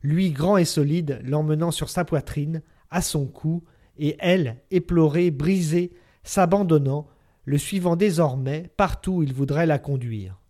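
Man reading a novel aloud, measured and expressive. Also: on the high side. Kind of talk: scripted literary narration.

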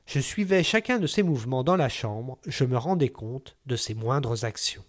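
A man narrating a literary story aloud in a measured, even way. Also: medium pitch. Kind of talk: audiobook reading of a literary story.

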